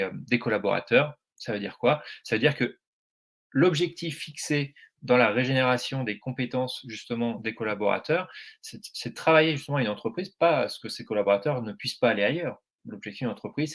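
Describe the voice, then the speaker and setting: A man's voice: medium pitch, fairly bright tone. A French man giving a presentation at a meetup, speaking hesitantly with many fillers and restarts. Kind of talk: presentation talk.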